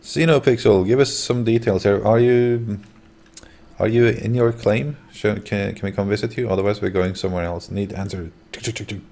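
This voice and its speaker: A man's voice: fairly low pitch, fairly even intonation, normal speed, gravelly, darkish tone. A man hosting a livestream, talking casually to his viewers and guests. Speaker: livestream host.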